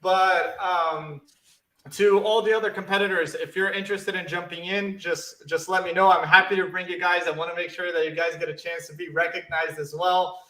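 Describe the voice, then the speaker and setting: A man hosting a live online competition, checking answers aloud with rising excitement. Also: sits high, normal speed, echoey room, rough recording. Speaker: competition host.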